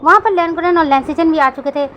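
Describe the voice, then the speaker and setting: A woman reading fan fiction aloud as a storyteller, in plain, steady narration. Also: very high-pitched, quick pace, a little hiss or hum, low-quality recording.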